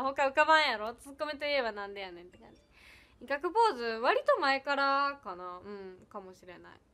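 A young woman, chatting casually on her livestream as she reads viewer comments. Her voice sits high and sounds bright. She giggles often and keeps thanking people. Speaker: idol livestreamer.

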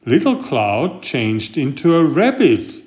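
Here an author who also reads storybooks shares a children's picture book out loud. His mid-range voice moves at a deliberate pace, full of expression.

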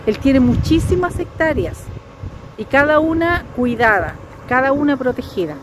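A woman vlogging outdoors in a forest, chatting excitedly and addressing her viewers directly. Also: high-pitched, normal speed. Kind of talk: outdoor vlog to camera. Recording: noisy outdoor camera audio.

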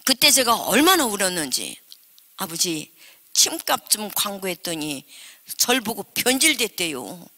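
An older woman preaching a revival sermon, telling personal stories with animated acted-out dialogue. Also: mid-range voice, unhurried. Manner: animated storytelling, acting out dialogue. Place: church sanctuary. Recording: reverberant church hall.

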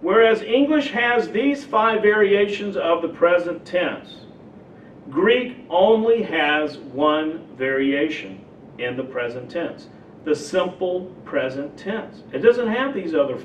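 A man preaching a teaching sermon and slowly explaining examples one by one. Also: a little high, expressive, a little hiss or hum. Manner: slow, deliberate explaining with spoken examples. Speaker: pastor. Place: church sanctuary. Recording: echoey church hall, mic at a distance, dull sound.

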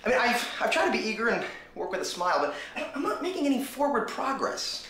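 An eager wannabe gangster in a sitcom. He talks fast with a lively voice. The sound is roomy. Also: extremely high pitch, a little hiss or hum, exaggerated voice. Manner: eager, rambling. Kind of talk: sitcom acting.

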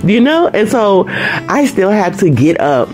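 A woman's voice: medium pitch, sing-song, measured pace, a little mellow. Earnest woman talking faith while cooking. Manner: earnest, conversational, preachy. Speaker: homemaking vlogger. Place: home kitchen. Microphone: fixed camera across the kitchen. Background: background music.

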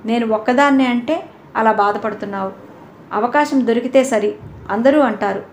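A frank young woman in a spoken storybook who talks to her friend plainly and firmly, lecturing without softening her words, as a woman reader voices her. Her voice sits fairly high. A faint hiss lies under it. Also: normal speed, natural voice. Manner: blunt, lecturing.

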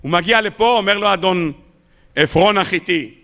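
A man with an Israeli Hebrew accent, a rabbi giving a sermon, telling stories dramatically and rising to loud emotional peaks. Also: high-pitched. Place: lecture hall.

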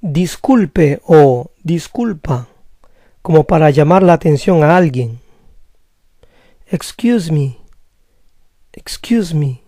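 A man teaching phrases in a slow vocabulary drill, saying each phrase twice. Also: fairly high pitch, dark tone, slightly rough, no room sound, studio quality. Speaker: language teacher.

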